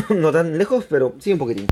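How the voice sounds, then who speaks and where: A man's voice: on the high side, sing-song, fairly quick, a little mellow, a little hiss or hum. A young man with a put-on Spain Spanish accent, chatting with viewers and rambling through his explanations while he streams a game live. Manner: chatty, answers viewers' chat while playing, rambling restarts. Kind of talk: live gaming stream commentary.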